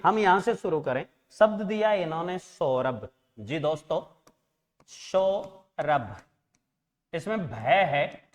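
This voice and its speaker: A man teaching an exam-prep language lesson, patiently correcting pronunciation and spelling word by word. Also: a little high. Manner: patient, corrects pronunciation, calls students "beta" and "friends". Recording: long reverb.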